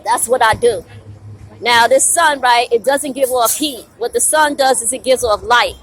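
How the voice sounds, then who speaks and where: A high-voiced woman preaches a fiery, profane rant straight to camera. She stands outside at a bus stop, with faint street traffic under her voice. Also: a bit bright, poor audio. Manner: fiery, preachy, profane, drops rhetorical "right?" often. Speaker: vlogger. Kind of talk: blunt outdoor rant to camera.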